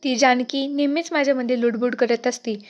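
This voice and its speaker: A sharp-tongued schemer who nags and dismisses everyone around her, read out by a woman. The voice sits a little high but barely moves in pitch. The sound is slightly dull and lo-fi. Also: fairly even intonation, fairly quick, close to an everyday voice. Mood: nagging.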